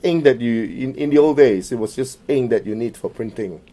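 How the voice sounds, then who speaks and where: Interviewed for an oral history, a middle-aged Malaysian man talks at normal speed in a mid-range voice. He's hesitant, full of fillers and restarts, and grows quieter as each phrase trails off.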